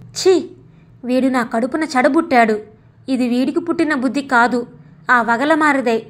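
A woman's voice: sits high, measured pace. Woman voicing a bitter, scolding old mother. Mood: angry, bitter. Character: older mother, proud and easily wounded.

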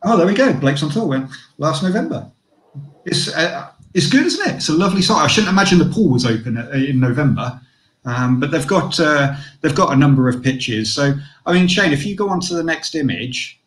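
A man's voice: fairly high pitch, sing-song, a little fast. Chatty guy talking about a campsite, lots of ums, roomy echo. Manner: chatty, lots of fillers and restarts. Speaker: caravan reviewer. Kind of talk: casual online show chat.

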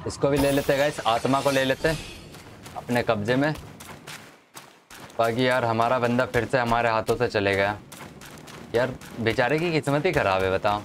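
A man's voice: mid-range voice, normal speed, long pauses, a little hiss or hum. A man giving casual, chatty commentary over his gameplay, talking to the viewers and to the enemies, with game music underneath. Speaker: gaming commentator.

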